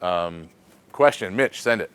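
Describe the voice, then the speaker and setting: A man with an American accent hosting a casual shop question segment, thinking aloud in a relaxed way with frequent fillers. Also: low-pitched, measured pace, clean tone.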